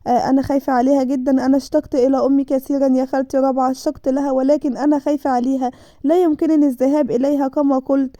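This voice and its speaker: A woman's voice: high voice, flat delivery, racing, warm tone, dry recording, lightly acted. A woman voicing a frightened young girl, pleading anxiously with an Egyptian Arabic accent. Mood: scared. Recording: dull dry lo-fi recording.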